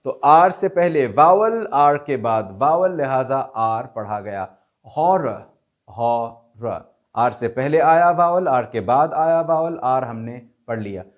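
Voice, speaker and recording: A man teaching English pronunciation in Hindustani, explaining slowly, repeating example words and spelling them out letter by letter. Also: medium pitch, animated, dull audio. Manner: Urdu-leaning Hindustani vocabulary. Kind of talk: spoken lesson.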